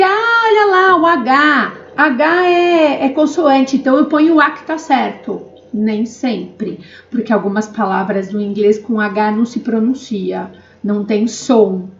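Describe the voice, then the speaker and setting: A woman teaching English grammar, patiently checking in with her students and acting out their questions. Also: fairly high pitch. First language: Portuguese. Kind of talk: classroom-style lesson. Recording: roomy, dull lo-fi sound.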